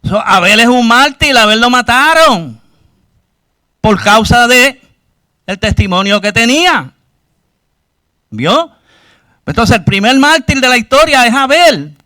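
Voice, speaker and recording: Bright-voiced high male preacher. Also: expressive, a little slow, long pauses, dry recording, studio quality. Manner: asks the congregation questions, acts out cries to God. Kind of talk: sermon. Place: church.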